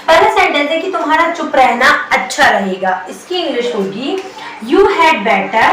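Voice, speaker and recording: A woman teaching a spoken English lesson, addressing viewers affectionately as children and repeating each phrase very slowly. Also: high-pitched, very animated, a bit bright, a little hiss or hum. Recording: echoey room, heard from a distance.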